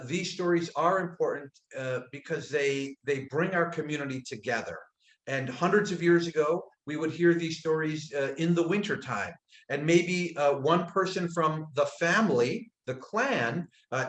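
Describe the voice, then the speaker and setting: Soft-spoken man with frequent pauses, echoey room. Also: on the high side. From upstate New York, United States. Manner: thoughtful, many "uh" pauses, soft trailing phrase ends. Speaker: guest storyteller. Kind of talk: casual storytelling talk on a webinar. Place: indoors, abroad in Croatia.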